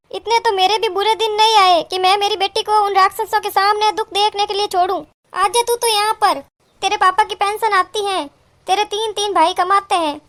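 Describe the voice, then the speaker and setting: A woman's voice: very high-pitched, fairly bright tone. A woman voicing a middle-aged cartoon mother who dotes on her daughter and scolds her daughter's in-laws indignantly. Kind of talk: cartoon voice acting.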